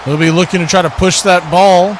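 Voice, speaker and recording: On a low-quality recording, the play-by-play host of a football watch party stream calls the game live, his voice sitting high and steady as he talks fairly quickly. He rephrases often as plays unfold, and a crowd murmurs in the background.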